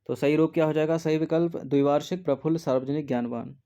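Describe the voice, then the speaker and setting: Mellow-voiced man explaining test answers. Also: on the high side, fairly even intonation, fast. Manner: patient, repeats "theek hai" often. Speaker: exam prep teacher.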